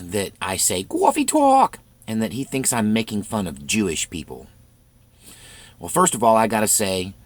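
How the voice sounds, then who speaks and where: Guy hosting his own vlog, rambles along casually, restarts a lot, lowish voice. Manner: rambling, conversational, with frequent restarts. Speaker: channel host.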